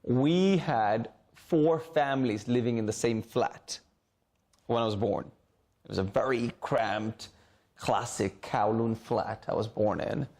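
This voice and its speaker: Speaking slowly in a mid-range, slightly mellow voice, a middle-aged alumnus from Hong Kong addresses students informally while seated in the school library. As a guest speaker, he often repeats words in search of the phrasing.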